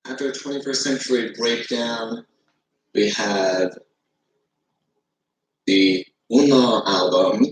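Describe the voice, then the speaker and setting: Slow, low-voiced man in an echoey room. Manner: hesitant listing with many fillers. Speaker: vlogger in an old video. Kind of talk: casual music review.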